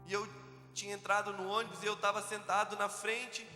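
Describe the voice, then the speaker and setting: A man from Brazil, telling a personal testimony as a preacher at a youth event, a vivid storyteller who slows down when quoting his prayers. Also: sits high, flat delivery. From southern Brazil. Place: large church hall. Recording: echoey hall with soft music.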